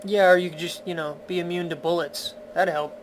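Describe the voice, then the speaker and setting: A man's voice: high-pitched, steady tone, fairly quick, a little hiss or hum, rough recording. A man giving casual let's-play commentary in a chatty, playful, wry way. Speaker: video game commentator. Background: game music.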